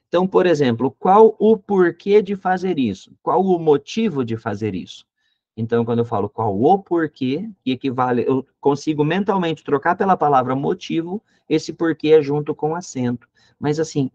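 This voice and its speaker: A man's voice: a little high, dry recording, dull audio. A man teaching an online grammar lesson, explaining in a chatty way and checking in with his students. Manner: chatty, explaining with many tag questions.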